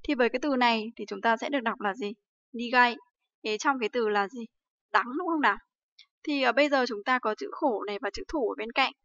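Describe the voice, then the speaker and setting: A woman's voice: a little high, fairly quick, a bit bright, dry recording. Upbeat woman teaching Japanese on livestream. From Vietnam. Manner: asks rhetorical questions often, with many fillers. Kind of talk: livestream language lesson. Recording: dry, slightly dull livestream audio.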